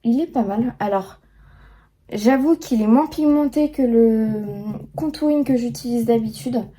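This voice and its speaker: A woman's voice: on the high side, unhurried, warm tone. A young woman chatting casually through a makeup tutorial, full of fillers and restarts. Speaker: beauty vlogger.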